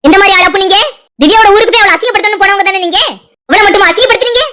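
A woman's voice: very high voice, rapid-fire, sharp tone. A woman voicing an angry pregnant young wife in a cartoon drama, accusing and sarcastic.

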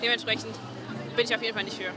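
A man's voice: high voice, flat delivery, rapid-fire, pushed and bright, soft background music, some chatter behind. Firm, critical man in street interview.

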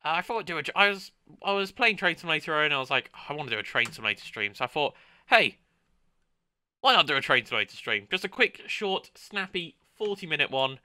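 A man's voice: fairly high pitch, expressive, quick pace, pushed and bright, clean tone, no echo. A man streaming a train driving game, chatting casually and upbeat, throwing in sound-effect exclamations while he greets chat. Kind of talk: casual gameplay commentary.

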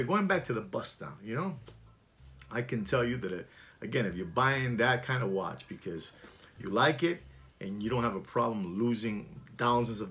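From a small room at home, a fairly low-pitched man in his sixties hosts a watch channel, talking casually yet emphatically to camera, repeating his points and gesturing animatedly.

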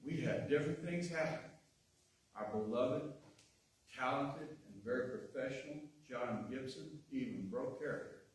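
A man's voice: mid-range voice, normal speed. A man giving a folksy, self-deprecating lay sermon with frequent chuckles in a church. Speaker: lay speaker. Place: church sanctuary. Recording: echoey church from far off.

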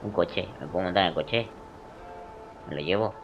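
A man, doing let's play commentary over a video game, jokey and swearing, muttering then suddenly shouting. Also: low-pitched, moderate pace, highs cut off, background noise. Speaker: gaming video creator.

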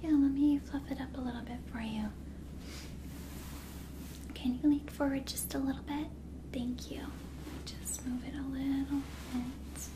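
A young woman playing an attentive, gentle flight attendant in a soft, soothing ASMR role-play. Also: sits high, fairly even intonation, measured pace, pauses often, noisy background. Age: young adult. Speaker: ASMR performer.

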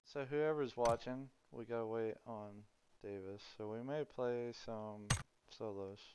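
A man's voice: medium pitch, fairly even intonation, unhurried, highs cut off. A man with a Texas accent chatting casually to viewers while streaming a video game. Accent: Texan. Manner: laid-back, chatty, talking to viewers while playing. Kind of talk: casual gameplay commentary. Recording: loud background noise.

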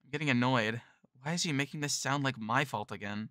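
A man's voice: mid-range voice, fairly quick, sharp tone, dry recording, clean studio sound. A man narrating a visual novel in the first person, in a nervous, self-deprecating tone.

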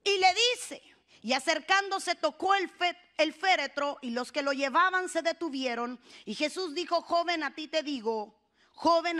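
A woman's voice: high-pitched, a bit bright. A woman pastor preaching a sermon with rising fervor, calling the congregation to repeat after her.

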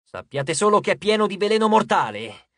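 An audiobook narrator voicing a boastful, theatrical male harvest god who declaims loudly and grandly. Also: medium pitch, big pitch swings, brisk, dry recording, clean studio sound. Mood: impatient. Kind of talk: audiobook character voice.

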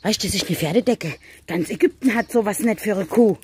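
A woman with a husky, somewhat dark voice of medium pitch talks briskly as she vlogs casually from a village farm. She chats and coaxes the animals, moving between German, English and Arabic as she goes.

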